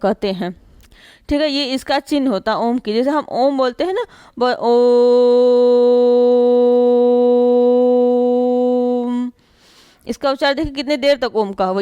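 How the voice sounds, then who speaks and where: A woman's voice: on the high side, smooth, no echo. A woman teaching a grammar lesson, explaining step by step, checking in often with "ठीक है" and drawing out sounds to demonstrate pronunciation. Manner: explains slowly with many fillers and repeated "ठीक है" checks. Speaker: Hindi teacher.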